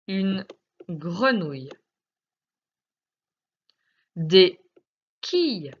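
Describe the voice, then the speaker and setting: A woman teacher with a French accent, giving a recorded phonics lesson to young children, speaking slowly and articulating every word with sing-song emphasis. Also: on the low side, sing-song, slightly rough, muffled recording. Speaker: primary school teacher.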